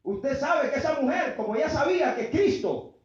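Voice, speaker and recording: High-voiced man preaching in an echoey church. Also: lively intonation, moderate pace. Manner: fervent call-and-response preaching, often shouting. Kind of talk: sermon. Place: church sanctuary. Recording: very echoey, muffled church PA sound.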